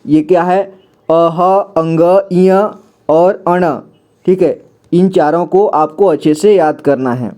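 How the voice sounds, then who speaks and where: A man's voice: on the high side, warm tone. A man teaching a beginner's alphabet lesson. He explains each letter and picture patiently and often checks back with the listener. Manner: patient, repeats "theek hai" often, drawn-out sounds. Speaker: Hindi teacher.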